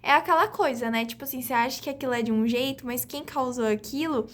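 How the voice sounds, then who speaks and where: A woman's voice: sits high, fast talker, a bit bright. A young woman from Brazil chatting casually and emotionally about a book in a reading vlog, full of slang and fillers. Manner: emotional, slangy, swings between laughing and crying; chatty and informal, lots of fillers. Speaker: book vlogger.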